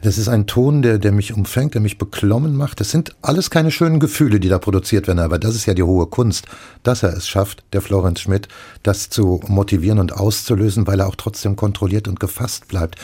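A man's voice: fairly low pitch, a little fast, mellow, breathy edge. A man hosting a radio review discussion, speaking thoughtfully and articulately. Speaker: radio critic host.

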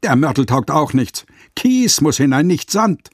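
A man's voice: on the high side, sing-song, a little slow, breathy edge, no room sound, clean studio sound, exaggerated voice. A man voicing a fussy, scolding master shoemaker in a radio fairy tale reading, raised and lecturing. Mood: indignant scolding.

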